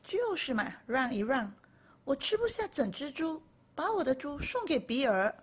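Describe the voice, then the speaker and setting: A hungry storybook wolf, gleeful about dinner and then quick to dodge it, voiced by a woman. The voice is high and bouncy, stretching its words out. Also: big pitch swings. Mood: evasive. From Malaysia. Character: greedy grown wolf, cheerful then evasive. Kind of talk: storybook reading.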